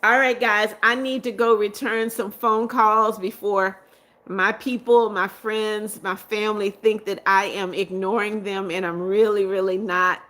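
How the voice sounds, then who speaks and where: This is a middle-aged woman chatting on a livestream, voicing viewers' comments and responding kindly, laughing often along the way. Her mid-range voice holds a steady tone at a measured pace.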